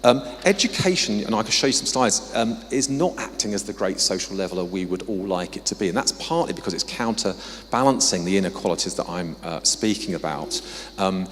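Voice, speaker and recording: A man's voice: deep voice, brisk. A man with an English accent giving a conversational conference talk with slides as a guest researcher, dropping in apologetic asides. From England. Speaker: guest speaker, social mobility researcher. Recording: long reverb of a hall.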